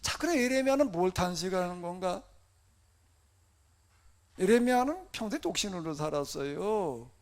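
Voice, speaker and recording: A male pastor delivers a sermon in a conversational, questioning style. His voice sits high for a man, with a gravelly edge, and swings widely in pitch. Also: sing-song, normal speed, long pauses. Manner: conversational preaching with rhetorical questions and acted-out laments.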